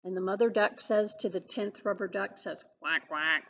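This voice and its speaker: A children's librarian, a woman, reading a picture book aloud with expressive storytelling and questions for young listeners. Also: medium pitch, moderate pace, a little hiss or hum. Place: public library.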